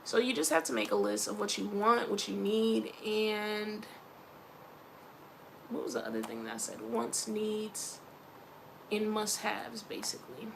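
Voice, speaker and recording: This Philadelphia vlogger, a young woman with a Philly accent, has a gravelly medium-pitched voice with lively intonation and an unhurried pace. Background noise is present as she talks casually and wanders between topics, laughing a lot and mentioning her faith.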